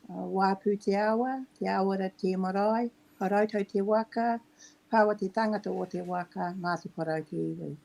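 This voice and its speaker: A woman's voice: mid-range voice, steady tone, a little fast, gravelly, rough recording. A middle-aged woman from New Zealand with a New Zealand accent, a podcast guest talking casually and hesitantly, with many ums. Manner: soft-spoken and hesitant, with frequent ums. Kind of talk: casual interview talk.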